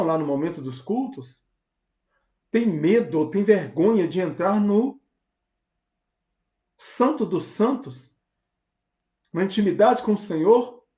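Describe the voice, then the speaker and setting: A pastor with a Brazilian Portuguese accent preaches a sermon in a high voice with a dark tone, fervent and emphatic and asking rhetorical questions. The recording sounds roomy, dull, and lo-fi.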